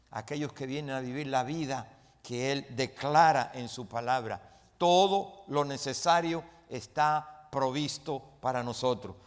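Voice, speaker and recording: A pastor with a voice on the high side delivers an emphatic sermon to his congregation in a church sanctuary. He swells to loud, dramatic peaks while retelling the story and calls for responses from the room, all under the long reverb of the church hall.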